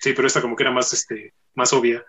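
A man's voice: mid-range voice, little pitch movement, fast talker, sharp tone, husky, poor audio. A man hosting a casual podcast chat, joking and using many fillers. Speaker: podcast host.

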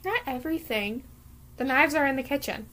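A woman's voice: high voice, brisk, noisy background. A young woman hosting her podcast, chatting casually and playfully with her sister, laughing and teasing as they talk. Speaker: podcast host.

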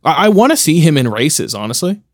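A young man co-hosting a podcast in casual chat, excitable and swearing, often restarting his sentences. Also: fairly high pitch, brisk, no room sound. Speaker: podcast co-host.

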